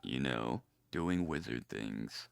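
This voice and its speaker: A streamer voicing a male robot character in a streamed tabletop game, using a robot voice filter and a flat, deadpan delivery. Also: rumbling low, slow pace, vocal fry, clear, resonant tone, dry recording, voice pushed down, heavily acted. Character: deep gravelly male robot adventurer.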